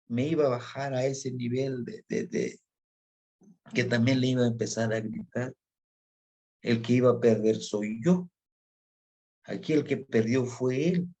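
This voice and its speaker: A man from Mexico, giving an unhurried spoken lesson and talking straight to his listeners. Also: medium pitch, dark tone. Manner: unhurried, explanatory, addresses listeners directly. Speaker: teacher of Nahuatl tradition. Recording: dull lo-fi recording.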